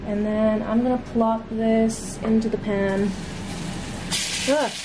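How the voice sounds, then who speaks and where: A bright, somewhat high-voiced young woman talks through her cooking in a casual, cheerful way. She is recorded on a camera mic in a home kitchen, with clear kitchen noise behind her. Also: steady tone, slow pace. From Filipino heritage family. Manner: chatty, upbeat, talks while cooking. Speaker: vlogger.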